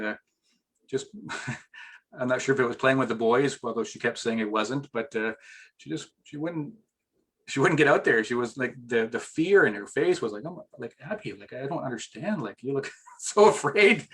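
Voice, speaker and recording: A man's voice: mid-range voice, a bit bright. A middle-aged man as an interview guest, chatting casually and rambling with restarts, getting emotional at times.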